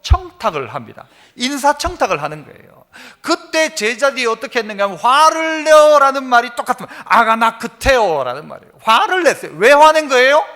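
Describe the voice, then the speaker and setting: Male preacher in a church sanctuary, bright forceful tone, keeps quizzing the congregation. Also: very high-pitched, sing-song, brisk. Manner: asks the congregation rhetorical questions. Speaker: pastor. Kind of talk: sermon.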